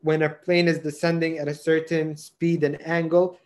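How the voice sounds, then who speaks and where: A young man, co-hosting a podcast in relaxed casual chat, laughing often and dropping fillers. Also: fairly high pitch, moderate pace. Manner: laughs easily, mixes in Arabic fillers. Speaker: podcast co-host.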